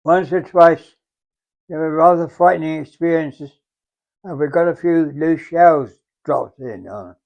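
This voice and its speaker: Reminiscing slowly for an oral history, a veteran from England, about a hundred years old, speaks in a fairly high voice with vocal fry and an English accent. He pauses often, reflects, and repeats phrases. The sound quality is dull, muffled, and lo-fi.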